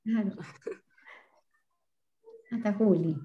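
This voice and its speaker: This is an Argentine woman on an online panel, speaking at an ordinary middle pitch. She reasons aloud and keeps raising questions. Her delivery is thoughtful and lively. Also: very slow, phone-quality sound. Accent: Argentine Spanish. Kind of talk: video-call panel discussion.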